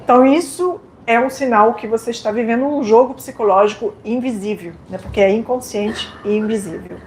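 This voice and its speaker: A woman's voice: a little high, a little fast. A French woman with a French accent giving a live lecture, talking directly and playfully and putting questions to her audience. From France. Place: lecture hall. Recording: echoey hall with faint noise.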